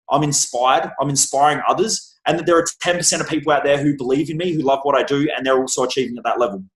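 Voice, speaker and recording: A man's voice: fairly high pitch, roomy sound, poor audio. A man in a casual podcast interview, talking bluntly and emphatically as a success coach, swearing freely. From Australia. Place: room with a bookshelf.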